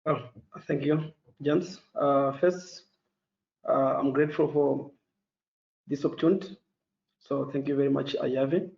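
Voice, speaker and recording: A Mozambican man whose first language is Portuguese speaks at medium pitch with a steady, darkish tone and vocal fry. As a panelist giving a formal webinar presentation, he is careful and halting with many fillers, and the video call audio sounds dull and echoey.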